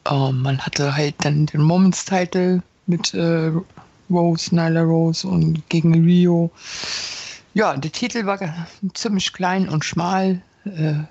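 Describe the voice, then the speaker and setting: A woman talks slowly and haltingly, stopping for fillers and restarts as she chats casually on a podcast. The sound is dull and lo-fi, with a dry, close feel and no room around her. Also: fairly low pitch, fairly even intonation, warm tone, no room sound. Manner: hesitant, many fillers and restarts. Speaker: podcast co-host. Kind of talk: casual wrestling chat.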